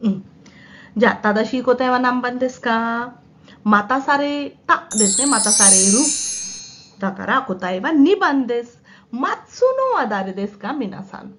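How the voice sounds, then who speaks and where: Lively, slow-speaking woman teacher with a sore throat. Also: fairly high pitch, a little hiss or hum. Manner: explains in Hindi mixed with Japanese, checks in often. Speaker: Japanese language teacher. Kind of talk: exam practice lesson.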